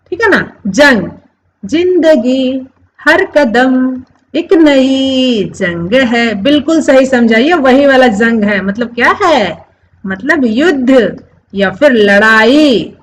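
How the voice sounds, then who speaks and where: A woman gives a Hindi lesson at an unhurried pace. She repeats every word several times and keeps asking her viewers questions. Her somewhat high voice rises and falls widely as she explains. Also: fairly bright tone, a little hiss or hum, poor audio. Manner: explains slowly, repeats words over and over; addresses viewers as friends, asks questions. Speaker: Hindi teacher. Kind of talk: classroom-style lesson.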